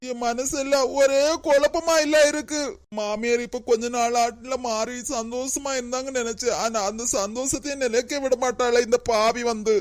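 A woman's voice: on the high side, fairly even intonation, normal speed, natural voice. A woman voicing a put-upon young daughter-in-law in a cartoon, pleading and anxious, with a Kanyakumari Tamil accent. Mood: upset pleading. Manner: plaintive, pleading. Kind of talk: cartoon voice acting.

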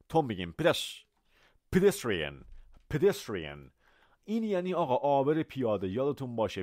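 A man's voice: medium pitch, dry recording, studio quality. A man teaching English vocabulary to Persian speakers, repeating each word and explaining it with everyday examples. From Iran. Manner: animated, repeats words for pronunciation and switches between Persian and English.

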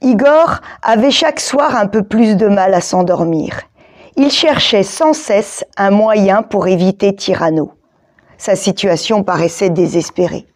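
Slow, expressive woman reading a picture book. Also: mid-range voice. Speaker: storybook reader.

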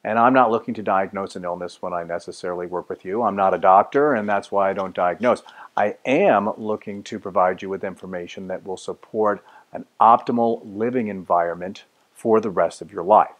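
Measured older man explaining his course. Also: low voice. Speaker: course teacher. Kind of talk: direct-to-camera introduction. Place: large meeting room indoors.

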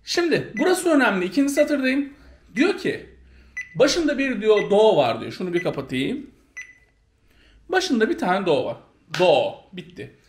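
A woman's voice: mid-range voice, very animated, moderate pace, long pauses. A woman teaching a violin lesson, counting beats aloud and calling out note names. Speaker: music teacher. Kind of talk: instrument lesson. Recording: echoey room, faint noise.

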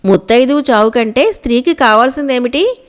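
A woman's voice: on the high side, lively intonation, brisk, close to an everyday voice. A woman voicing a deluded older landlord obsessed with family honor, speaking solemnly.

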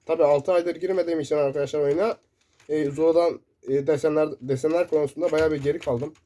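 A man commentating his own first-person shooter gameplay, excitable and shouting in bursts, keyboard clicks close by. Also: fairly high pitch, fast. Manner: excitable, shouting in sudden bursts during play. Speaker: gaming YouTuber. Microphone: desk mic picking up keyboard. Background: loud keyboard typing.

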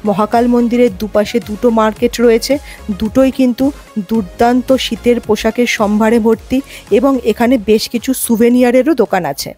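With music playing underneath, a woman from India guides her audience through her travels in both narration and live commentary. She speaks briskly in a slightly high, steady voice with a dark tone.

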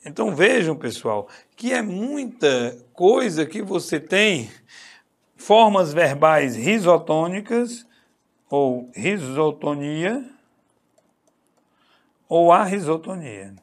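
Professor brasileiro de voz rouca e enfática. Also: male voice, on the high side, big pitch swings, takes it slowly. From Brazil. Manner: emphatic, repeats key points, asks "tá certo?". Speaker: Portuguese teacher for exam prep. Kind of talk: online class lecture.

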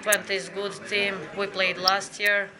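A young woman footballer from Serbia with a Serbian accent, answering post-match questions in halting non-native English with small laughs. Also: medium pitch, level tone, crowd noise, rough recording. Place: indoors by a brick wall after a match. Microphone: handheld mic on a stand near the chin.

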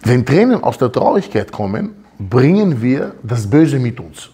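A man delivers a religious lecture with a husky edge to his voice and a very lively, swooping pitch. He asks his listeners question after question and scatters Hebrew terms through the talk. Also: unhurried. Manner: animated, asks many questions, swings pitch up and down; mixes Hebrew terms into speech. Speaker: Torah teacher.

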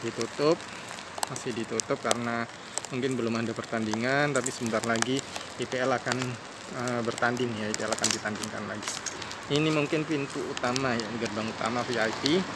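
Outdoors near a stadium, a vlogger in his thirties chats and films on his phone at arm's length, thinking aloud with lots of fillers. He talks fairly quickly in a steady, medium-pitched voice. The phone audio is noisy, with street ambience and passing cars behind him.

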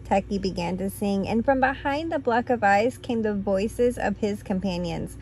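A woman reading a picture book aloud at bedtime, expressive and playful, chatting with a child between pages. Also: medium pitch, a little hiss or hum. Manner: slow, expressive, playful counting.

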